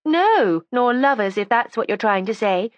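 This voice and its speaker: A sharp, resentful young woman whose audiobook voice rises high against the plain narration, sarcastic and combative. A woman reader puts her on in a dry, close recording. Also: animated, moderate pace, no echo, highs cut off, close to an everyday voice. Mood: defiant. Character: defiant resentful young woman making a false confession. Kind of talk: audiobook character voice.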